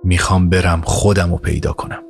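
Male reader as a worn-out young woman, resolute and quiet; low register over a music bed. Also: steady tone, vocal fry. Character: exhausted determined young woman. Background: music score.

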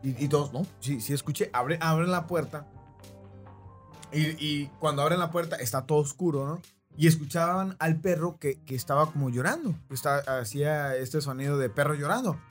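A man's voice: fairly high pitch, normal speed, faint music behind. A man with a Mexican accent hosting a podcast, telling a story in a rambling way and often checking in with his listeners. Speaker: podcast host. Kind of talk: casual storytelling.

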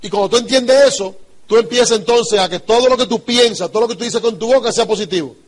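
A man's voice: very high voice, fast talker. A man with a Dominican Spanish accent giving a motivational business talk, emphatic and repetitive, often asking his listeners rhetorical questions. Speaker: business trainer.

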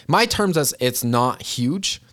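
Earnest and chatty, a man in his twenties hosts a podcast where he talks casually about goals, addressing his audience as "you guys" as if they were friends. He speaks slowly in an expressive, mid-range voice with a slightly bright tone, keeping it a motivational, friendly chat.

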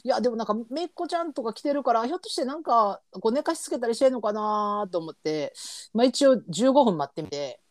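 Fast, lively Kansai woman. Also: on the high side, dry recording, clean studio sound. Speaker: podcast co-host. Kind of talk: casual chat, storytelling.

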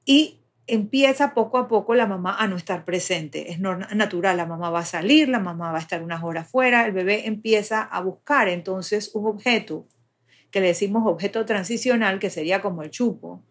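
A woman's voice: mid-range voice, a little fast. A woman explaining child development step by step in a patient, conversational way.

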